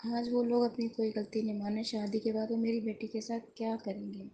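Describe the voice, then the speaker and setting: Middle-aged woman, earnest and distressed storyteller, mellow voice, faint background hiss. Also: a little high, level tone, lo-fi sound. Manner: earnest, distressed, retelling phone calls. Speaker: devotee sharing a personal story. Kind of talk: emotional personal account to a congregation.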